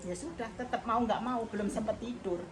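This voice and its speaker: During a home visit, an Indonesian woman in her sixties who volunteers as a hospital patient escort gives a personal testimony about her work. Her fairly high voice moves at a moderate pace, earnest, emotional and devout. The recording is roomy, with a noisy crowd loud in the background.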